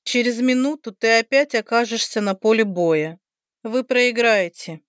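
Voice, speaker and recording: A woman voicing a proud, stern female goddess of death who speaks slowly and emphatically. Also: on the high side, no echo, studio quality, voice pushed up, natural voice. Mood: stern, imperious. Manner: commanding, slow and emphatic. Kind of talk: audiobook character voicing.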